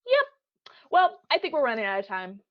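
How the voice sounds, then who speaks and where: A woman's voice: on the high side, wildly swooping pitch, normal speed. A woman playing an offhand, self-assured fairy tale narrator in a comic stage play. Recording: dull, lo-fi audio.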